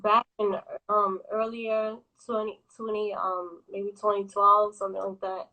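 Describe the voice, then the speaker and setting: New lady in her 40s, bright voice, lots of ums, chatting from her office on a phone. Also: medium pitch, unhurried, low-quality recording. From New York. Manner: relaxed, hesitant, many ums. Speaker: guest, clothing brand owner. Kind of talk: casual interview on a live video call.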